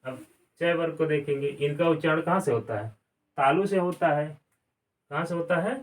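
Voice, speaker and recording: A man's voice: fairly high pitch, normal speed. Man teaching grammar from a distance. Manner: asks a question and answers it himself, repeats key words. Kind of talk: classroom lesson. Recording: distant mic, some room sound.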